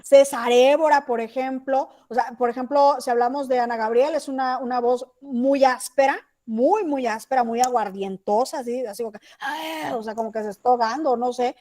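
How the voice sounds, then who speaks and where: A woman with a Mexican accent teaches a class over a video call. Her voice sits high, and her talk is chatty, with frequent checks that everyone is following along. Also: steady tone, brisk, hardly any pauses, dark tone. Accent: Mexican Spanish. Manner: chatty, asks checking questions. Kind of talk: online class lecture.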